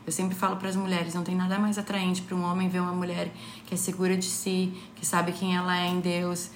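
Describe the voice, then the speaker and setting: A woman co-hosts a relaxed advice chat, spinning anecdotes with animated, playful energy. She sits at a home kitchen table, so the room rings a little around her voice. A faint household ambience sits underneath. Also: fairly low pitch, brisk, reverberant, a little hiss or hum. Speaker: podcast co-host.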